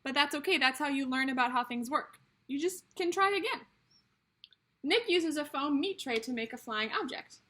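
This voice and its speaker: A high, animated female voice at a moderate pace, pushed and bright in tone. She's a teacher reading a picture book aloud to young children, explaining things simply and talking to them directly as friends.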